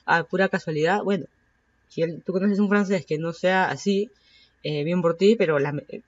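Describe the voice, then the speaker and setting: This Peruvian host, in her thirties, speaks with a Peruvian Spanish accent at a normal speed and a fairly low pitch, filling her casual solo podcast with fillers and self-corrections. The sound is muffled, with no room sound.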